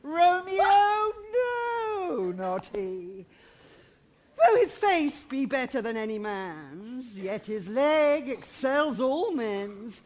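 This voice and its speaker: A woman's voice: high voice, sing-song, very slow, darkish tone, a little hiss or hum, full character voice. A woman playing a garrulous older nurse in a Shakespeare play, teasing and groaning about her aches. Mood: fussy teasing. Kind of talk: Shakespeare stage acting.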